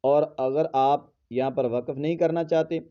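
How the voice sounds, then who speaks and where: In a tajweed lesson, a man with a fairly high voice teaches Quran pronunciation, patiently spelling out letters and slipping into slow, drawn-out melodic recitation. His intonation stays fairly even, and the sound is lo-fi.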